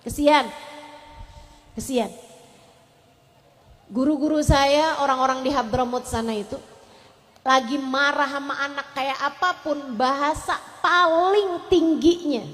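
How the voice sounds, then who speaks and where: A woman Islamic preacher, giving a sermon in an animated, pleading manner. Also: high-pitched, unhurried. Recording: echoey hall reverb.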